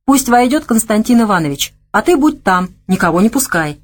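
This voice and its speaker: A woman's voice: a little high, very animated, fairly quick, voice pushed up. A woman voicing a commanding young woman who owns a club, curt and bossy.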